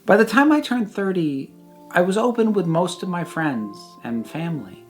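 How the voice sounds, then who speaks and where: Someone in their thirties gives a prepared personal reflection in a mid-range voice with big pitch swings. The phrasing is measured and emphatic, broken by deliberate pauses. Soft music plays in the background.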